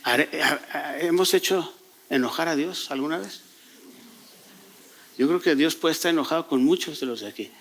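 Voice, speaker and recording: A man's voice: fairly high pitch, normal speed, pauses often, fairly bright tone. A male pastor from Mexico preaching a sermon in church, reading scripture aloud and asking the congregation questions before answering them himself. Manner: reads scripture aloud and paraphrases it.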